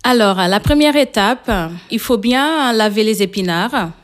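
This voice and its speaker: A woman from São Tomé and Príncipe with a Portuguese accent, a native Portuguese speaker, speaking French as a guest cook in a radio interview. She pauses often and fills the gaps. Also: on the high side, expressive. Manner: hesitant, many pauses and fillers.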